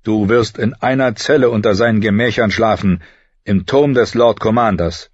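A man's voice: lowish voice, normal speed, dry recording. A man voicing a stiff middle-aged steward who speaks formally and matter-of-factly in an audiobook. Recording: slightly dull recording.

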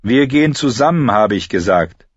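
A man's voice: mid-range voice, lively intonation, normal speed, breathy edge, no room sound, dull audio, voice pushed up. A man voicing a brooding young smith who gives curt, stern orders. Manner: curt, commanding.

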